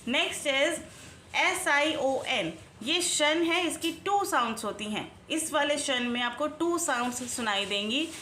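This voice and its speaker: A woman teaching English spelling rules, talking slowly and deliberately, spelling words out letter by letter and asking her learners questions. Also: sits high, animated, pushed and bright. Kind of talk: online lesson in Hindi-English mix. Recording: echoey room, faint background noise.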